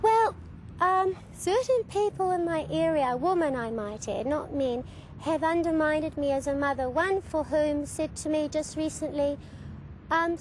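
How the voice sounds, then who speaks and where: A woman with a squeaky voice, talking earnestly and emotionally in an archival TV interview. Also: a little mellow, slight background noise, low-quality recording.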